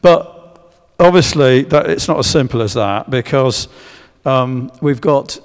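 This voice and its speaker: A smooth, mid-range male voice moves at a slow pace through a public history talk with slides, held in a church. Hesitant and full of fillers and restarts, he keeps prompting the audience to guess. Everything rings with the long echo of the church hall.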